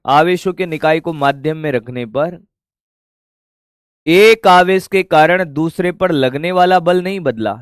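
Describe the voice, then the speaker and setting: Man, teacher, physics lesson, high voice, slow pace, asks and answers his own questions, casual with students. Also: clear, resonant tone, no room sound, clean studio sound. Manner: repeats questions and answers them himself, calls students "beta" and "bhai".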